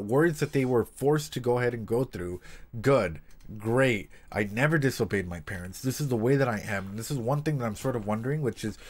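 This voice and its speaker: Here a man with a medium-pitched, somewhat dark voice hosts a livestream. A practising therapist as well, he rambles casually through reactions and analysis, swearing, using slang, and frequently repeating himself.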